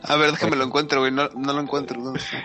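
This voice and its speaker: A man's voice: medium pitch, flat delivery, fast, over music. A man from Mexico, co-hosting a casual gaming podcast with joking, crude banter. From Nuevo León, Mexico. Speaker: podcast co-host.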